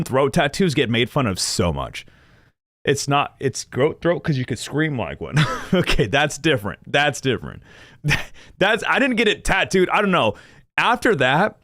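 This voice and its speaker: A man's voice: medium pitch, a bit bright, dry recording, studio quality. A young man chatting casually and rambling to his viewers as a gaming streamer, laughing often at himself. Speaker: gaming streamer reacting to lore videos.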